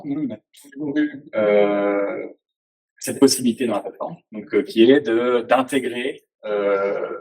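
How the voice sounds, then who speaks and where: A man's voice: on the low side, a little mellow, breathy edge, low-quality recording. A man giving a casual technical presentation, hesitant, with many fillers and restarts. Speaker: presenter at a tech talk.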